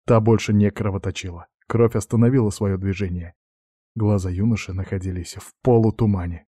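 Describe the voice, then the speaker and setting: A man narrating a novel in a low, dark, mellow voice. His reading is steady and measured, recorded close and dry with no room around it. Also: breathy edge, dry recording. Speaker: audiobook narrator. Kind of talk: scripted narration.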